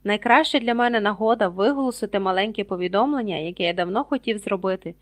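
A woman's voice: medium pitch, fast talker, no echo, natural voice. A woman reading the lines of a boastful, vain male celebrity wizard in a showy, announcing manner. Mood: pompous.

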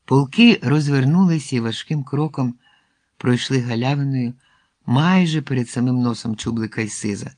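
A man narrating a fairy-tale adventure in an expressive storybook reading, dropping to a hush at tense moments. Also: medium pitch, normal speed, no room sound.

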